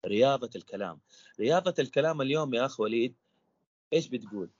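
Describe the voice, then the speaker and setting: A man's voice: mid-range voice, expressive, fast talker, darkish tone, no room sound, muffled recording. A man, a stuttering coach guesting on an interview podcast, explaining in a teacherly way with repeated rhetorical questions.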